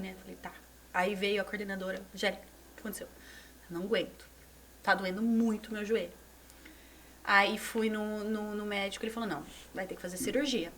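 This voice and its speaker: A woman in her thirties from Brazil, a former gymnast telling her story as a podcast guest, animated and repeating words for emphasis. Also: a little high, slight background noise. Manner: animated, repeats words for emphasis, drops to near whisper at moments. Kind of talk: conversational storytelling. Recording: voice somewhat distant from the mic.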